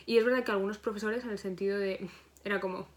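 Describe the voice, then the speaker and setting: A woman's voice: mid-range voice, fairly even intonation, fast. A young woman, a psychologist chatting as a podcast guest in a reflective, self-correcting way. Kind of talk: casual podcast interview.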